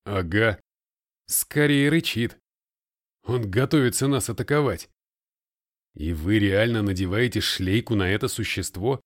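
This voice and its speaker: A man voicing a loud, sarcastic young guy. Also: on the low side, a little slow, long pauses, dry recording, clean studio sound, close to an everyday voice. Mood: mocking. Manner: shouting, exasperated. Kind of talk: audiobook character voice.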